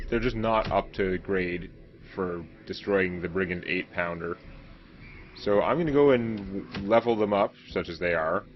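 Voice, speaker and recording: Low-voiced man chatting over gameplay. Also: lo-fi sound. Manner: chatty and self-mocking, thinking aloud. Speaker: let's play host. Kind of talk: casual gameplay commentary. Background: game music.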